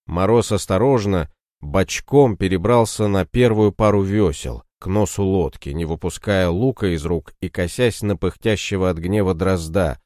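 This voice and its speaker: A man narrating an adventure audiobook with expressive storytelling. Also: low-pitched, normal speed, no echo, studio quality.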